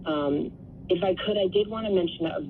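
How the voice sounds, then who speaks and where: A woman's voice: on the low side, brisk. A woman speaking as an interview guest on the radio, explaining things earnestly and conversationally. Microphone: telephone. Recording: tinny phone line with faint noise.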